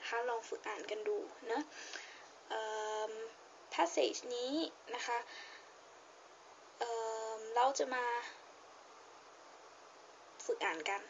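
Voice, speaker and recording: High-voiced young Thai woman teaching. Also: gravelly, lo-fi sound, slight background noise. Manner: patient, repeats points with frequent polite particles; reads English passage slowly with stressed words. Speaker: English teacher. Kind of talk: casual reading lesson.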